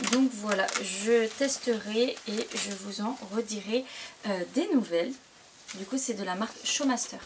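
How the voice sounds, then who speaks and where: A young woman with a slightly high voice chats casually through a haul video, often stopping to hesitate with fillers. She sounds a bit far from the mic, and a clear background noise runs under her. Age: 20s. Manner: chatty, many fillers and hesitations. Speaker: vlogger. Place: indoors at home.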